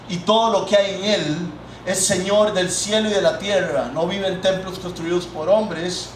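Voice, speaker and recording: A man's voice: sits high, recorded from a distance, a little hiss or hum. A man, preaching a sermon and talking directly to the congregation. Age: 30s. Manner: conversational, addresses the congregation directly. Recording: echoey hall, mic set back.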